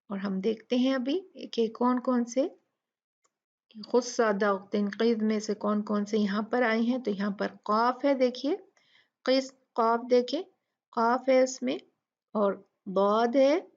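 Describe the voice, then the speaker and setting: Slow, gravelly-voiced woman teaching recitation. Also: medium pitch, dull audio. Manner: patient, repeats sounds syllable by syllable. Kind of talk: step-by-step tajweed lesson.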